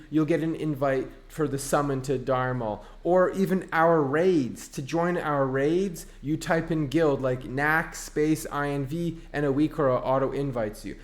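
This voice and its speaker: A man giving casual gameplay commentary as a streamer, ranting in an exasperated, sarcastic way. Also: on the high side. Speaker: online game streamer.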